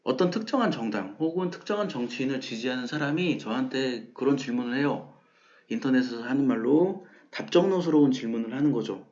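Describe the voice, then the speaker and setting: Male math host, conversational lecture delivery, acts out quoted questions, mid pitch, slightly dull audio. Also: lively intonation, fairly quick, darkish tone. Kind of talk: casual explanatory lecture.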